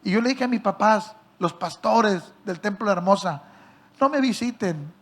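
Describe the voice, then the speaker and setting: A male pastor, preaching by telling a story and questioning his listeners directly, acting out the people in it with sudden loud and soft swings. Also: sits high, normal speed. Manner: acts out quoted voices with big swings in loudness. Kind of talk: sermon storytelling.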